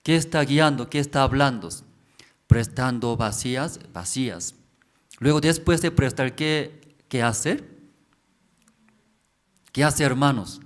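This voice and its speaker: Male pastor, unhurried sermon delivery, keeps asking the congregation questions and repeating words for emphasis. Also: mid-range voice. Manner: repetitive, asks the congregation questions. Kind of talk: slow sermon explaining scripture.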